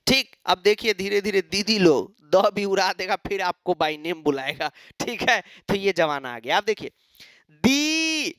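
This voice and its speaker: A man's voice: sits high, normal speed, hardly any pauses, fairly bright tone, clean tone, dry recording, studio quality. A man teaching an exam-prep lecture, asking and answering his own questions and mimicking students.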